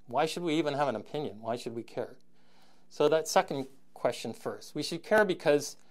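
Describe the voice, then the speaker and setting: Male lecturer, mid pitch, halting delivery with restarts and throat clearing. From Canada. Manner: thinking aloud with frequent restarts and throat clearing. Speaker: university lecturer. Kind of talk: recorded lecture.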